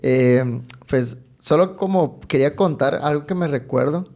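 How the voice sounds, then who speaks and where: A man's voice: on the high side, measured pace, darkish tone. A man co-hosting a casual faith podcast, telling a personal story with frequent laughter and local slang. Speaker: podcast co-host.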